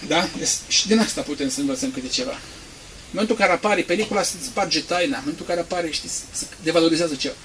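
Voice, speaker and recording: A male priest preaching a sermon, swinging from quiet asides to loud, emphatic peaks. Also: a little high, a little hiss or hum, poor audio.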